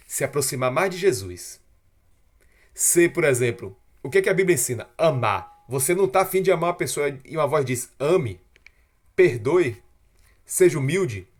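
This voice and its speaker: A man giving a devotional Bible lesson, swinging between hushed, slow stretches and loud, emphatic ones. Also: medium pitch. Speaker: Bible teacher. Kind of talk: devotional teaching.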